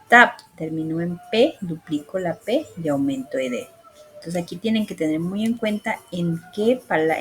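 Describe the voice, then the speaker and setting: A woman's voice: fairly low pitch, slight background noise, low-quality recording. A woman teaching English grammar in a patient tone. She walks through the rules step by step and often stops to check that her students are following.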